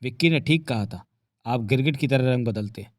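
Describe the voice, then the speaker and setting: A man's voice: medium pitch, brisk, dry recording, lightly acted. A man voicing a fiery, defiant young woman who answers with scorn and sarcasm. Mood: scornful.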